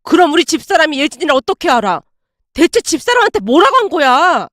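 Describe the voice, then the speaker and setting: A woman's voice: sits high, very animated, quick pace, dry recording, studio quality. A woman voicing a hot-tempered young husband who bursts out in anger. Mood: angry. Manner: heated, shouting outbursts.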